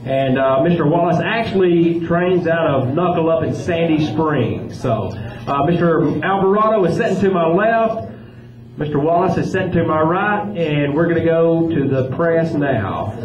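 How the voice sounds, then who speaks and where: A man moderating a press conference informally, explaining things in a halting way. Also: fairly high pitch. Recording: echoey muffled room with background noise.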